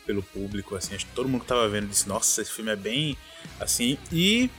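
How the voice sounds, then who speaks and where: A man's voice: on the low side, animated, fast, fairly bright tone, faint music behind. A Brazilian man chatting casually as a podcast panelist. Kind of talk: casual chat.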